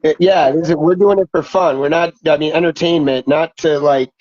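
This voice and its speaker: High-voiced halting male co-host. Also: steady tone, a little mellow, no room sound, highs cut off. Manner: halting, trails off, stumbles for words. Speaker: podcast co-host. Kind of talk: casual podcast chat.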